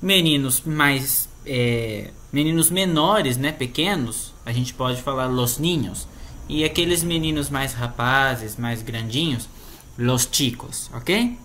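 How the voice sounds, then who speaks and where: A man's voice: mid-range voice, slow, sharp tone, slight background noise. A man with a Brazilian Portuguese accent patiently explaining a grammar lesson, often checking in with the listener. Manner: patient, explanatory, tags sentences with "né?". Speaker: Spanish teacher.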